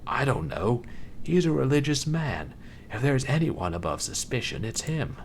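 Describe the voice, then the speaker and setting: A man's voice: low-pitched, expressive, a little slow. A man voicing an exasperated, skeptical police detective in game dialogue, with an incredulous, challenging manner. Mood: agitated, disbelieving. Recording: clearly noisy background.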